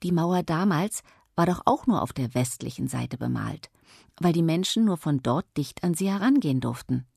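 Woman doing a storybook grandpa, patient, coaxing, low husky tone. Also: animated, moderate pace, no echo, clean studio sound, heavily acted. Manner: gentle, persuasive.

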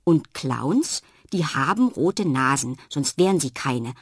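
A woman's voice: rumbling low, animated, slow pace, slightly rough, no room sound, studio quality, heavily acted. A woman voicing a curious, stubborn little girl at bedtime in a storybook reading, asking and insisting. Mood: musing. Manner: questioning, insistent.

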